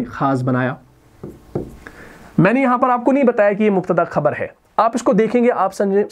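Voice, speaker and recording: Guy teaching grammar at a board, pretty high voice, asks himself questions then answers, says words slow. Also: darkish tone. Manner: explains by asking and answering his own questions; repeats Arabic words and phrases slowly for students. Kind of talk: recorded classroom lesson at a board.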